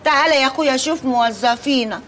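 An actress with an Egyptian accent playing a loud, nosy working-class aunt in a TV comedy. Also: female voice, high-pitched, slight background noise. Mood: teasing. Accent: Egyptian Arabic. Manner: boisterous, teasing, quick-tongued. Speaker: visiting aunt. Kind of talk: TV comedy acting. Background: music.

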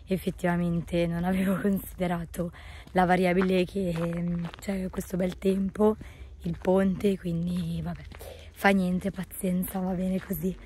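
A woman chats casually to a vlog camera, hoarse and losing her voice, at times breaking into a whisper. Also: lowish voice, mellow, a little hiss or hum. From northern Italy. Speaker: daily vlogger. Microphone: phone at arm's length.

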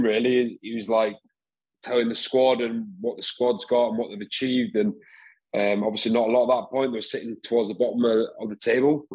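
A man's voice: lowish voice, breathy edge, rough recording. A young English man, a rugby player, chatting loosely as a podcast guest over a video call, with lots of fillers. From England. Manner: relaxed, rambling with fillers and laughs. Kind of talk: casual podcast interview. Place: home room, indoors. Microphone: headset on video call.

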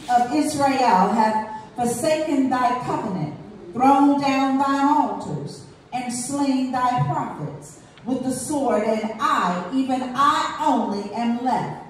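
A woman reading scripture aloud at a church service, slow and measured. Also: high-pitched. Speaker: scripture reader. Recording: echoey room, voice from a distance, faint noise.

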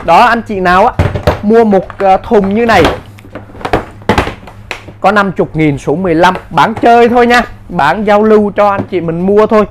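Man doing a hard-sell sales pitch. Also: moderate pace, long pauses, noisy background. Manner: insistent hard selling, short repetitive bursts. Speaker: live-sale seller of power tools.

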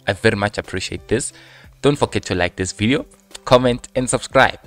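A man's voice: lowish voice, fairly quick, fairly bright tone, faint music behind. A young man with a South African accent giving a casual, conversational football news update, mixing English with Zulu and addressing viewers as friends, close on a handheld microphone. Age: young adult. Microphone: handheld microphone close to the mouth.

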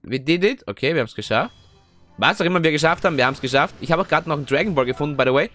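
A young man giving chatty, excitable let's play commentary, often tagging his sentences with little questions. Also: a little high, rapid-fire. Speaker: gaming video host. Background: faint game music.

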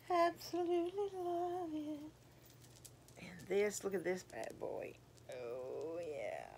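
Gushing older woman with gravelly voice. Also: high voice, slight background noise. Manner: gushing, exclaims over each item. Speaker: vlogger showing gifts. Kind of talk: casual show-and-tell chat.

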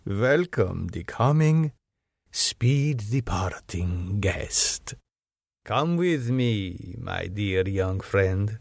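A suave, menacing old vampire count, as a man puts him on for a storybook reading. He drawls each word with slow, silky courtesy that hides a threat, and the dry, close sound keeps every hush near. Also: on the low side, lively intonation, creaky, dry recording, exaggerated voice. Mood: courtly.

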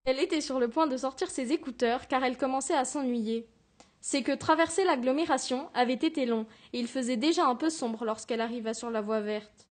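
A student narrating a fairy-tale storybook about road safety for a school project, reading steadily aloud. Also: female voice, sits high, brisk.

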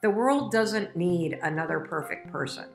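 A woman's voice: lowish voice, expressive, moderate pace, vocal fry, soft background music. A middle-aged woman telling a personal story and giving a motivational talk, emphatic and emotional, speaking straight to her viewers.

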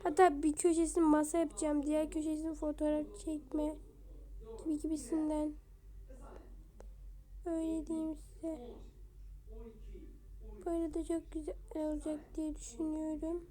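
A woman with a high but fairly flat voice talks her viewers through a building game in a casual, chatty way. Her tone is soft and mellow, and she drifts into quiet muttering as she works. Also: moderate pace, pauses often. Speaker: game video creator. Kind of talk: casual gameplay commentary.

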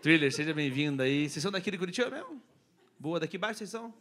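A man from Brazil doing stand-up crowd work, teasing the audience loudly on a comedy club stage. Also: on the high side, lively intonation, very fast. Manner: teasing, loud, jokey banter with the audience.

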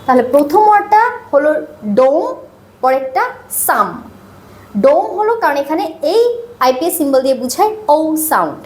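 A woman teaching a video lesson, speaking slowly and repeating sounds drill-style. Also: high voice, expressive, a little mellow, echoey room. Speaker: English teacher.

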